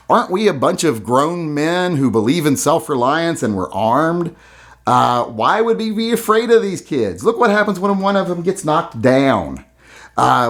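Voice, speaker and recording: A man commenting on a video in a blunt, profane and mocking way. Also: on the high side. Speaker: gun channel host.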